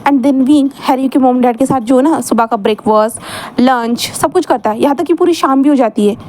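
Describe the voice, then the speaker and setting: High-voiced woman telling a story. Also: a little fast, darkish tone. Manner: chatty, mixing in English words. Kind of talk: casual story narration.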